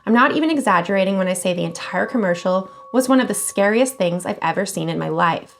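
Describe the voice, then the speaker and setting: A woman hosting a channel where she reads scary online stories aloud, expressive and casual, swearing now and then. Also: medium pitch, fast talker, creaky, slight background noise. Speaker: horror story channel host.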